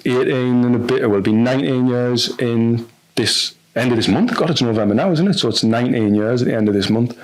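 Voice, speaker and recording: A man's voice: mid-range voice, a little fast, hardly any pauses, darkish tone. A man with a North East English accent telling a personal story on a podcast in a frank, rambling way, full of restarts and fillers. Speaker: podcast guest.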